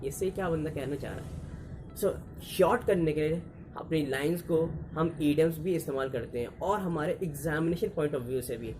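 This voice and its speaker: A man with an Indian accent, teaching idioms to learners and mixing Hindi with English as he explains. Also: on the high side. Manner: mixes Hindi and English, repeats and restarts to explain.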